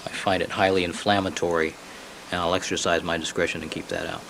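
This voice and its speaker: Courtroom recording of a judge, deep low voice, short firm rulings, faint room hiss. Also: male voice, little pitch movement, gravelly, fairly bright tone, rough recording. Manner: terse, measured and authoritative.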